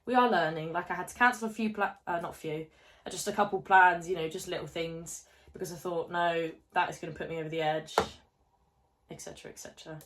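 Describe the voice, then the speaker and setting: Woman, twenties, vlogger, chatty and rambling, slightly low pitch, filmed on a phone at home. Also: steady tone, fairly quick, a bit bright, slight background noise. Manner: chatty, rambling, self-deprecating, lots of fillers. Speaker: fitness vlogger. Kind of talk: casual chatty get-ready-with-me vlog. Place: home, indoors. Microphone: phone camera held close.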